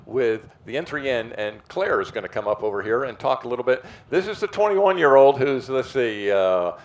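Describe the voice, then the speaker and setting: A man's voice: medium pitch, lively intonation. A middle-aged man hosting a live aviation event, talking in a casual, rambling way full of restarts. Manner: rambling, halting, many restarts. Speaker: event host, interviewer.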